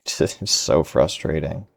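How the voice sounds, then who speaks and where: A man's voice: rumbling low, gravelly. A tired man talking to himself while trading live, frustrated and muttering. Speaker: day trader.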